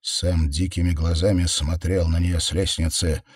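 A man narrating a horror audiobook in a measured, intense way, slowing down on key words. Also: deep voice, flat delivery, husky, dry recording. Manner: measured, intense, with slowed stresses. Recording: dry close studio sound.

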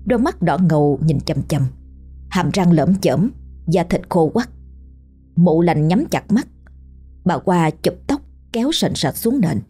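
A woman narrating a horror story in a slow, hushed, ominous manner. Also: fairly low pitch, lively intonation, husky. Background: faint music.

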